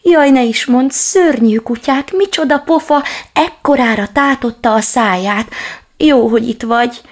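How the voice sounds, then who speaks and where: A woman voicing a small, scrappy, frightened puppy in a storybook reading, with a husky, gravelly voice. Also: on the high side, voice pushed up, natural voice.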